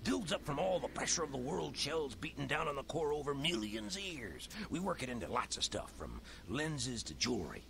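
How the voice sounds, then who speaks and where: A man's voice: medium pitch, very animated, normal speed, vocal fry, hardly any pauses, a bit bright. A man voicing a crazy old hermit miner in a video game, with a cracked old voice and folksy, rustic speech. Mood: matter-of-fact, rustic. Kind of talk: video game character acting. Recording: game audio with background noise.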